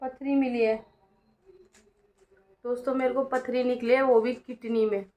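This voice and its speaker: Speaking a little slowly in a level tone, this middle-aged woman has a fairly high pitch, and the recording's highs are cut off. She narrates a casual family vlog at home and around the city, chatting homely to camera and often tagging questions to her audience.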